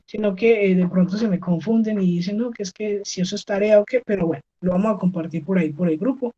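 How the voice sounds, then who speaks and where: A woman's voice: mid-range voice, quick pace, mellow, muffled recording, slight background noise. A woman from Colombia teaching an English class online, explaining pronunciation patiently and checking in with the students often. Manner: patient, checks understanding with frequent "¿sí?".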